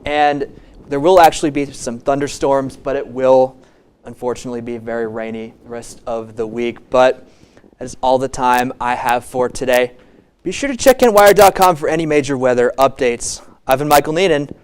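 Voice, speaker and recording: A man's voice: mid-range voice, normal speed, clear, resonant tone. A man presenting a student TV weather forecast in a casual, chatty way.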